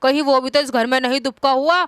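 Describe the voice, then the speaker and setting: A woman voicing an angry male householder threatening a thief with rough slang. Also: high-pitched, little pitch movement, fast talker, a bit bright, no echo, studio quality.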